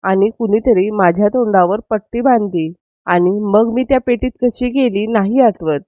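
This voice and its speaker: A woman's voice: medium pitch, moderate pace, dry recording, close to an everyday voice. A woman voicing a frightened young girl who pleads fearfully. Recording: dry, slightly dull lo-fi.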